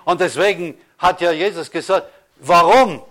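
Emphatic preaching pastor, slightly high voice. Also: male voice. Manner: preaching with emphatic slow stresses and rhetorical questions. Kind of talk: sermon.

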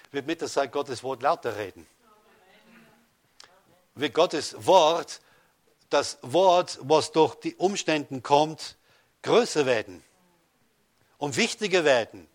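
A man preaching a sermon, addressing listeners directly with rhetorical questions and swinging between loud rises and soft drops. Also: mid-range voice. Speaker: pastor.

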